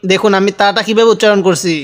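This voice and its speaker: A male Quran teacher slowly spelling out letters and vowels, then chanting each joined word, and patiently pointing out common reading mistakes. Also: high-pitched, fairly even intonation. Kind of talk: slow spelled-out recitation lesson.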